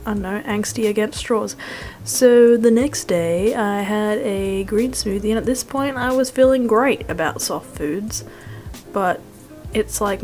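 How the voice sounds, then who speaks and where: Casting: young female vlogger for casual voice-over, mid-pitched, wry and rambling, self-deprecating slangy delivery, music bed underneath. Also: darkish tone. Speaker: food vlogger.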